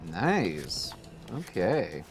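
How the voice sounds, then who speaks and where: A man's voice: low voice, huge pitch swings, drawn-out words, slight background noise. A man streaming and casually commenting on gameplay in a rambling, playful way.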